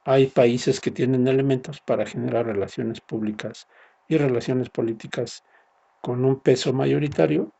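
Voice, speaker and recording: A man's voice: mid-range voice, fairly even intonation, normal speed, gravelly, dark tone, husky, muffled recording. A man giving a recorded university lecture, explaining step by step and often ending points with a tag question. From Mexico.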